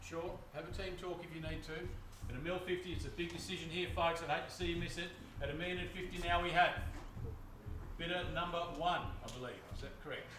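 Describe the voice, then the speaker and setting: A man's voice: on the high side, fast talker. An Australian man calling a live property auction as auctioneer, coaxing bidders with chatty patter. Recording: echoey, distant, noisy live recording.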